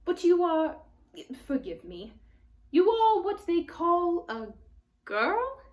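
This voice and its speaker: Woman voicing a fussy, courtly storybook faun, very lively. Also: very high-pitched, slow, pitched above the performer's own voice, exaggerated voice. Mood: flustered, inquisitive. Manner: polite, formal, hesitant, repeats phrases. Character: fussy, courtly, friendly male faun, easily flustered. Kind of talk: storybook character read aloud.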